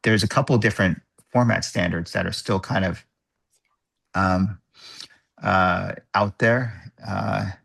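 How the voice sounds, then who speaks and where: A man chairing an online work group meeting, thinking aloud in a halting, measured way over a video call microphone. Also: deep voice, fairly even intonation, creaky, a bit bright, husky.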